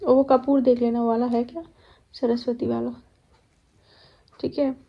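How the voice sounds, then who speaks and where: A woman's voice: a little high, little pitch movement, unhurried, creaky, lo-fi sound. A young woman chatting to her viewers at home in a casual vlog, telling stories about her day. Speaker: vlogger. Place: at home, kitchen.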